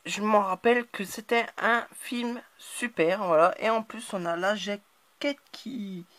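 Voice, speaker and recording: A woman hosting her own channel, talking casually through a haul of new purchases, often hesitating and filling pauses. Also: mid-range voice, fairly bright tone, no echo. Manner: hesitant, constant filler words. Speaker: channel host. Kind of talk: casual DVD haul talk to camera.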